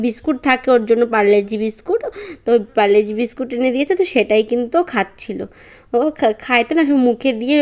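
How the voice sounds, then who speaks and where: A woman's voice: on the high side, a little mellow. A young woman, a mother chatting casually to her vlog viewers at home with lots of fillers. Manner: chatty, many fillers, baby talk to her child.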